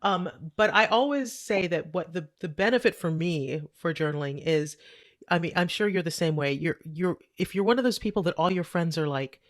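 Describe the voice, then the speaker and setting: A woman in her fifties from Trinidad and Tobago, a guest talking earnestly and in animated bursts in a casual interview. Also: lowish voice, no echo, clean studio sound. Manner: animated, earnest, talks in quick bursts with restarts.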